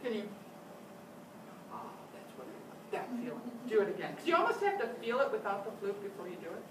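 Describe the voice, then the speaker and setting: A woman's voice: mid-range voice, sing-song, a little fast. An older woman teaching a flute master class, giving encouraging instructions and frequent praise. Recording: echoey room, distant mic, loud noise.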